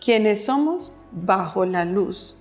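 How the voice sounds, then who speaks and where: A woman with a Colombian accent, a guest on a faith podcast, telling her story with lively acted-out quotes. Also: mid-range voice, takes it slowly, faint music behind. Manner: animated storyteller, acts out quotes, laughs often. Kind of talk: casual faith-based podcast chat.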